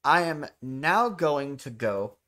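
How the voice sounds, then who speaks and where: Guy doing a gameplay tutorial, average pitch, explains each step and repeats it. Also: lively intonation, slow pace, fairly bright tone. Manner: instructional, repeats key points. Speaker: game demonstrator.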